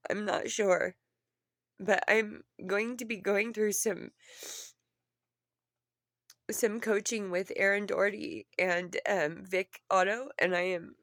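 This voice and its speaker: A woman who sounds upset and tearful, as after crying, talking earnestly and haltingly in a personal confession to viewers, often repeating herself. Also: medium pitch, fairly even intonation, a bit bright, no room sound, studio quality. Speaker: vlogger.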